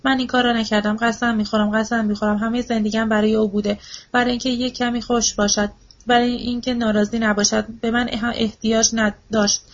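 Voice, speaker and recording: A woman's voice: fairly high pitch, flat delivery. A woman reading the part of a desperate, grieving old widow who pleads and repeats herself, in a storybook reading. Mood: pleading. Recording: dull lo-fi audiobook recording.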